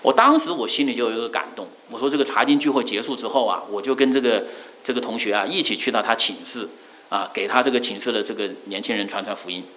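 A middle-aged male preacher giving a sermon, earnest, repeating key phrases with drawn-out fillers. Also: fairly low pitch, sharp tone, poor audio.

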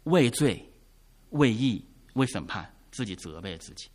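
A man preaching a sermon, who asks the congregation questions and answers them himself, rising to emphatic lines and dropping to quiet asides. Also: medium pitch, sing-song, measured pace. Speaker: pastor.

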